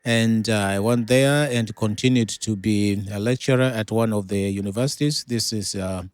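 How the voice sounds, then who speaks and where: A middle-aged man from Tanzania, a pastor, telling his life story as an interview guest in an unhurried way with many pauses and fillers. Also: lowish voice, dry recording, clean studio sound.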